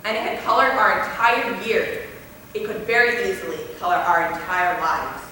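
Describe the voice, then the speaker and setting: A young woman playing an earnest female high school student, giving a measured, heartfelt stage speech. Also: sharp tone, slight background noise, close to an everyday voice. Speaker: student actor. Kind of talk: stage play speech to a class. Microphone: distant room mic. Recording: echoey hall from far off.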